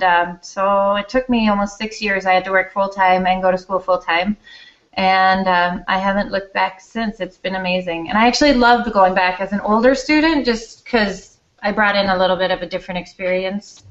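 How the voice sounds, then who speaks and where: A woman's voice: medium pitch, fairly bright tone. A woman from Denmark, an elementary school teacher, telling her story in a candid, self-deprecating, chatty way in an interview. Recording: slightly dull lo-fi recording.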